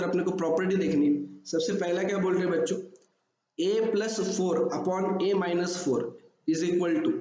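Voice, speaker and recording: A man walks students through exam math problems, asking them rhetorical questions as he goes. His voice sits a little high and sounds mellow. The recording is dull and strongly echoey, with a faint hiss behind it. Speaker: math teacher. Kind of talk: exam-prep math lesson. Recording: echoey room, slightly dull audio.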